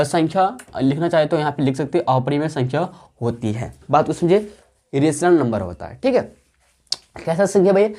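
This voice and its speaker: In an online classroom lecture, a woman explains maths patiently and slowly, filling pauses, repeating points, and posing check-in questions she then answers herself. She has a low, mellow voice.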